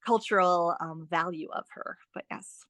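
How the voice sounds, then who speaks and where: A guest author on a podcast interview speaks expressively and with conversational enthusiasm. Her pitch is fairly low, her pace moderate, and there's no echo.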